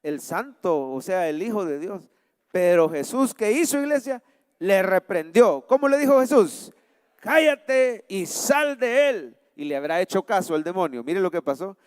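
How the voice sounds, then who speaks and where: A man's voice: high voice, very animated, moderate pace, darkish tone, smooth, no echo, clean studio sound, long reverb tail. A man preaching a sermon as pastor, with emphatic delivery and call-and-response questions to the congregation. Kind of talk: sermon with scripture reading and prayer. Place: church sanctuary.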